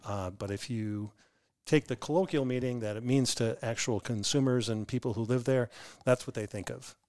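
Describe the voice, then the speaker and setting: Male brewery founder, mid-pitched, explanatory, storytelling guest. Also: normal speed, a little mellow. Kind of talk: casual podcast interview.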